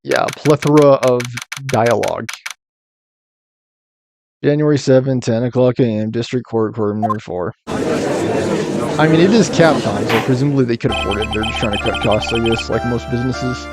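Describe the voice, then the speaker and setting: Male streamer, casual rambling chat, slightly low voice, music clearly behind. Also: moderate pace, long pauses. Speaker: game streamer. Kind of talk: casual chat while reading a game aloud.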